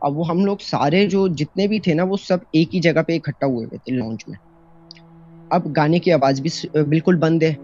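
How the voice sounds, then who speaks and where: A man's voice: on the high side, normal speed, darkish tone. Rambling man on a dull lo-fi voice note. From Pakistan. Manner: rambling, full of fillers and restarts. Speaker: storyteller sharing a personal encounter. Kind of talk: casual spoken horror story. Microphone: phone voice note. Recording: dull lo-fi voice note, faint music.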